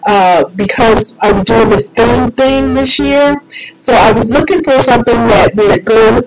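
A woman with a slightly high voice hosts a solo radio show, chatting at a measured pace in a casual, rambling, folksy way. The recording is rough, and loud music plays behind her.

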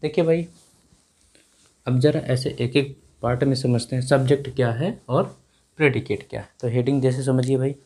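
A young man teaching grammar at a whiteboard in a small classroom, repeating each word slowly as he writes and calling his students dear children. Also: medium pitch, steady tone, darkish tone, slightly rough. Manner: slow and repetitive, dictating words while writing. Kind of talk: whiteboard lesson in Hindi.

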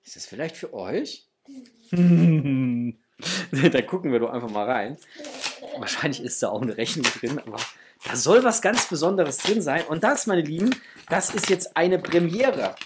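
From a small room in his home, a toy unboxing host in his thirties or forties chats with viewers in an effusive, affectionate, casual way. His slightly high voice is animated yet unhurried, and the background is noisy.

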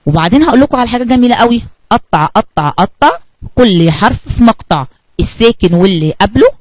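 A woman's voice: fairly high pitch, animated, quick pace, a little mellow, dry recording, poor audio. A woman with an Egyptian Arabic accent teaching a kindergarten spelling lesson, asking the children questions and answering them herself.

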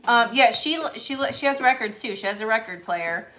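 A woman's voice: fairly high pitch, expressive, moderate pace, bright, forceful tone. A middle-aged woman hosting a live vintage sale, chatty and rambling, running the show in casual talk. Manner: rambling, chatty, takes over the conversation. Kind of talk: casual live-stream selling chat.

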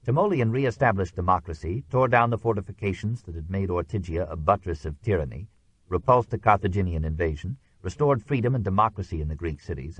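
A man narrating a history audiobook in a measured, even reading. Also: sits low, husky, dry recording, poor audio.

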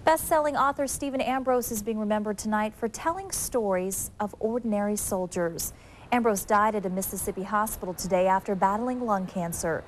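A woman news anchor reading local news stories in a crisp, scripted delivery. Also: mid-range voice, brisk, slight background noise. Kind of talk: local TV newscast. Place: TV news studio.

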